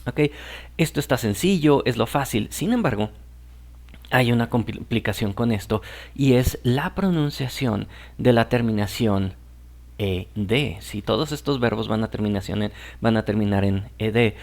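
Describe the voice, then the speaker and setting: A man's voice: medium pitch, normal speed, gravelly, a little mellow. A man whose first language is Spanish, teaching English grammar in a patient explaining style and often checking that the listener follows.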